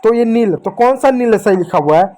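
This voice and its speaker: A man with a high-pitched voice leads a children's reading lesson. He sounds out letters one by one, stretching the syllables, and gently coaxes his young listeners to say the words back to him. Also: expressive, a little fast, a little hiss or hum. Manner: coaxing, addresses dear children, asks them to repeat. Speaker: teacher.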